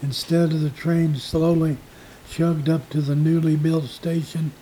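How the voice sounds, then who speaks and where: Slow, mellow male history narrator. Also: a little high, flat delivery, slight background noise, poor audio. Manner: slow, measured storytelling. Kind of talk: scripted local history narration.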